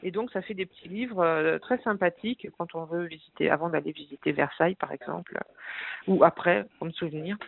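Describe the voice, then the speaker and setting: A woman's voice: fairly low pitch, fairly quick, gravelly. A woman talking on a radio show about books by phone, chatty, with many fillers and restarts. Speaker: book reviewer and blogger. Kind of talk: casual radio chat on the phone. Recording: phone-line sound.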